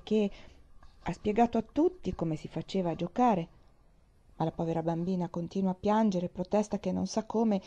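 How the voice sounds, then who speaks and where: An anxious, tender-hearted young maid from a storybook, earnest and apologetic, always sounding near tears, as a woman reader puts her on. The voice is mellow and soft. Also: mid-range voice, highs cut off, lightly acted.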